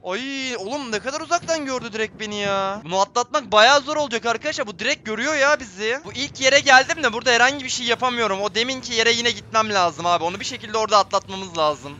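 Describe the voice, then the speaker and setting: A man's voice: extremely high pitch, fast, hardly any pauses, sharp tone, a little hiss or hum. A man giving tense, jumpy live commentary on a horror game, talking straight to his viewers. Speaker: gameplay streamer.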